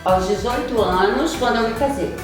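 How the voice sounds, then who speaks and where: A woman's voice: fairly high pitch, normal speed. A blunt, outspoken woman in her forties chatting casually among friends. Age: 40s. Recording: echoey room, far from mic, loud music.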